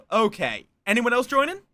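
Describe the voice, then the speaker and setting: Bright, lively game streamer with a playful streak, voice of unclear gender. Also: mid-range voice, no echo. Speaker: streamer and game storyteller running an online social deduction game. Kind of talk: casual livestream chat with friends and viewers.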